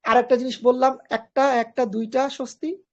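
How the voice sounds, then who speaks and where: A woman's voice: high voice, steady tone, normal speed, darkish tone. A woman from Bangladesh, teaching an online grammar class. She explains step by step, repeats key phrases and mixes in English grammar terms. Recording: dull lo-fi recording.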